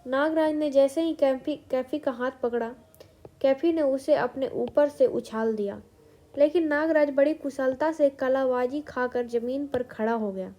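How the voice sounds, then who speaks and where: A woman's voice: sits high, unhurried, warm tone. A woman steadily reading a comic book aloud as the storyteller.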